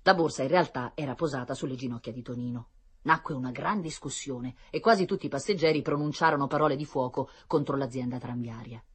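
A woman reading a children's story aloud in an expressive storytelling manner. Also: a bass voice, quick pace, breathy edge.

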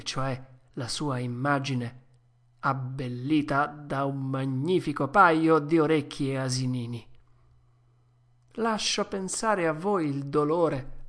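A woman narrating a classic children's story in a measured, expressive way. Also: deep voice. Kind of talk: storybook reading.

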